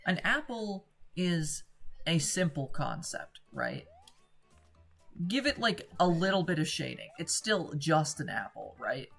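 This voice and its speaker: A woman's voice: low voice, creaky, husky. A woman hosting a let's play, chatting casually and rambling off on tangents while she plays, with a mixed Atlantic and American accent and the odd casual swear. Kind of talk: casual gameplay commentary.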